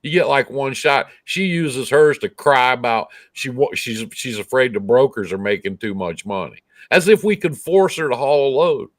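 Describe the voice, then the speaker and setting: A man's voice: medium pitch, animated, normal speed, few pauses, dry recording. A man co-hosting casual trucker talk in a blunt, sarcastic way, swearing freely.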